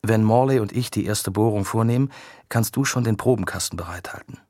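A man's voice: lowish voice, a little fast, a little mellow, no echo, clean studio sound, close to an everyday voice. A man voicing a cautious, practical male expedition leader who speaks firmly and matter-of-factly.

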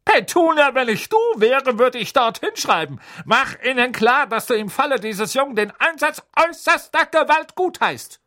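A man voicing a loud, domineering older aunt in an audiobook, barking and scornful. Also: very high voice, expressive, moderate pace, hardly any pauses, pitched above the performer's own voice, full character voice. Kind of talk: audiobook character voice.

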